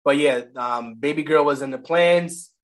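A man and new father chatting casually about family money, talking loosely and correcting himself as he goes. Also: on the high side. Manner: fast, loose, self-correcting. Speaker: guest, father.

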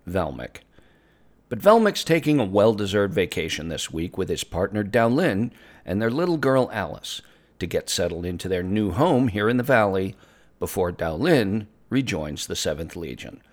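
Man as a low, lively radio news host. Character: earnest, friendly male fantasy radio news host. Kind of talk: scripted mock news broadcast.

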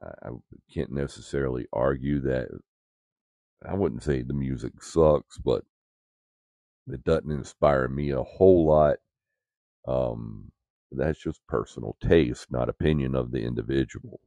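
A man's voice: extremely low pitch, a little slow, gravelly, mellow, no room sound. A man chatting casually as a talk show co-host in a droll, tongue-in-cheek manner. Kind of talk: casual chat.

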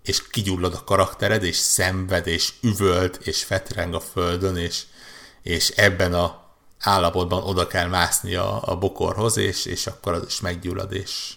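Deep gravelly man chatting about games. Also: flat delivery, a bit bright. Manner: rambling, frequent restarts and stammered repeats. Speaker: podcast co-host. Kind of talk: casual gaming chat.

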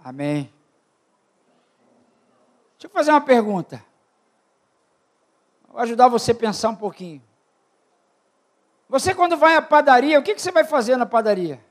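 Older man, very high voice, preacher, shouted peaks, quiet asides, asks the congregation questions. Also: big pitch swings, moderate pace, pauses often. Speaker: preacher at a church retreat. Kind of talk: sermon.

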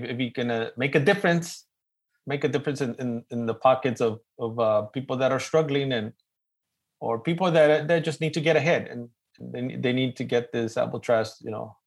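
A middle-aged man with an East Los Angeles Chicano accent, moderating a webinar informally in a joking, animated way and often repeating words. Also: mid-range voice, creaky. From East Los Angeles, United States. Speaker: panel moderator.

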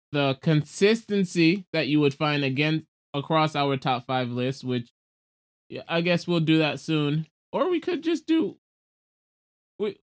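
Higher-voiced man in natural podcast chat. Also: clear, resonant tone. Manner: informal, loose phrasing. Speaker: podcast co-host. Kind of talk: natural unscripted casual talk.

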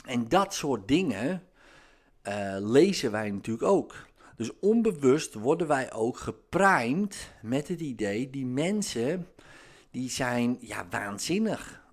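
A man talking casually in a monologue, animated, with many fillers and sudden rises in pitch when excited. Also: takes it slowly.

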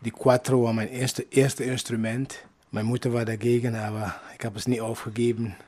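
A man from Aruba, a musician talking lively and casually in loose in an interview. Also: medium pitch, moderate pace. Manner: lively, in loose non-native German.

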